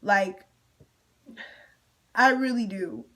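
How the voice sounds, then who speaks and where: A woman's voice: medium pitch, very slow, sharp tone. A young woman venting in a storytime vlog, emotional and close to tears at times, talking straight to her viewers with casual slang. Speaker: vlogger.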